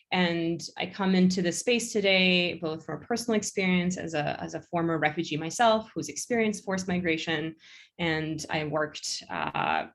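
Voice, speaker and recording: A woman's voice: fairly low pitch, gravelly. A woman school psychologist introducing herself on a webinar, hesitant with many ums.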